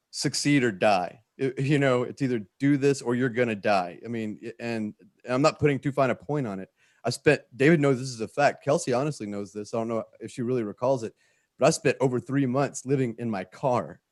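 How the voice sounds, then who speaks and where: This man, a writer and filmmaker, chats earnestly and casually with a group, cursing often and circling back over what he's just said. His mid-range voice has a slightly mellow quality, captured in clean studio sound with no room echo.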